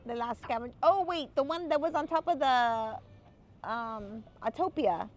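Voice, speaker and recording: A woman's voice: fairly high pitch, moderate pace, muffled recording. A young woman co-hosting a casual live stream outdoors by a grill, reading viewer comments aloud and greeting each person by name in a bubbly sing-song. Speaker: livestream co-host.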